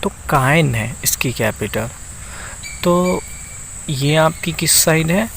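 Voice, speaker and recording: Slow, gravelly man teaching a map lesson. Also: fairly high pitch, animated, a bit bright, a little hiss or hum, poor audio. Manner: slow, repeats itself and keeps checking in with the viewer.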